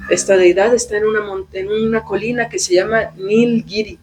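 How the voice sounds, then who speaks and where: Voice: medium pitch, steady tone, moderate pace, poor audio. A teacher tells a devotional story to a class, often checking in with the listeners through short tag questions. This speaker shifts into the characters' voices as the tale unfolds. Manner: acts out quoted characters.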